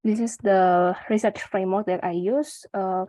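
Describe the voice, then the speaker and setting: Indonesian woman presenting research, halting. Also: mid-range voice, fairly even intonation, warm tone, no room sound. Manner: halting, with frequent fillers and restarts. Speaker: conference presenter.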